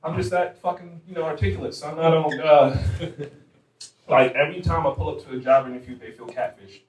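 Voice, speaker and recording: A man's voice: on the high side, fairly even intonation, brisk, slight background noise. A young man performing a stand-up comedy set, loose and chatty with lots of asides. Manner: loose, conversational delivery with frequent asides. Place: live club stage with audience. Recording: roomy live venue, mic heard from a distance, crowd laughter.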